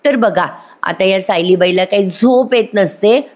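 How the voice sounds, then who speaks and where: A woman's voice: mid-range voice, measured pace. Chatty woman recapping a serial. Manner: chatty, addresses viewers directly. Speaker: TV serial reviewer. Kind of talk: casual voice-over recap.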